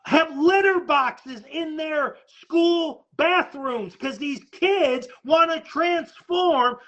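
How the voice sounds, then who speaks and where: A man's voice: very high-pitched, bright, forceful tone, muffled recording. A man preaching a sermon as a pastor, urgent and emphatic, often repeating words as he pushes his point.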